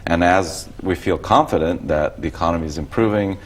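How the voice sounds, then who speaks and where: Low male voice, from Costa Rica, teacherly guest who explains plainly. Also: fairly quick. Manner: explanatory, conversational. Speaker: economics instructor, guest. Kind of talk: explaining casually on a talk show.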